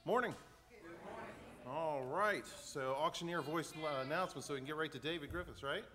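A man's voice: fairly high pitch, moderate pace, pushed and bright. A man giving church announcements in a chatty, loose way, full of fillers and restarts. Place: church sanctuary. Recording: long church reverb with faint ambience.

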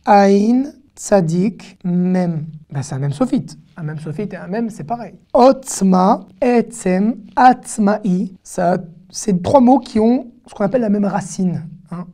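Slow, mellow-voiced woman teaching a lesson. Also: medium pitch, lively intonation. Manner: patient, repeats each word syllable by syllable. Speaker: Hebrew teacher. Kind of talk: online language lesson.

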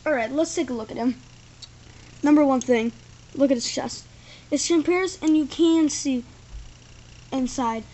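In a carpeted indoor room, a woman reviews a toy in a casual, rambling way full of "like" and "thing", recorded on a tripod-mounted camera's built-in mic. Her warm, high-pitched voice moves a little slowly and she pauses often.

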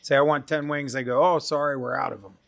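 A man's voice: medium pitch, fairly even intonation, fast talker, gravelly, fairly bright tone. A middle-aged man hosting a casual interview, chatty and joking, into a studio microphone. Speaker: host. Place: podcast studio. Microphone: studio mic on boom arm.

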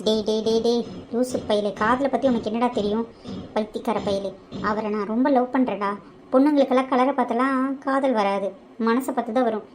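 A woman's voice: fairly high pitch, steady tone, brisk, darkish tone, a little hiss or hum, lightly acted. A woman voicing a young married woman held captive in a cartoon, who insults her captor with scorn and then begs him to let her go. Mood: scornful. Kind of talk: animated cartoon voice acting.

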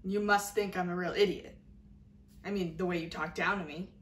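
A young woman acting a dramatic monologue as a hurt, indignant woman, exasperated and sarcastic in a halting delivery. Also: fairly low pitch, fairly even intonation, natural voice. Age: young adult. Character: hurt, indignant young woman confronting someone who belittles her. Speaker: actor performing a monologue. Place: small indoor room before a curtain. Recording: echoey room, faint background hiss.

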